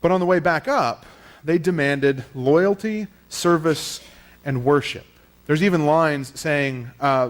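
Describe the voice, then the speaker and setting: A pastor giving a teaching sermon at a pulpit microphone in a church, explaining in a plain, conversational way with small fillers. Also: male voice, a little high. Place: church sanctuary.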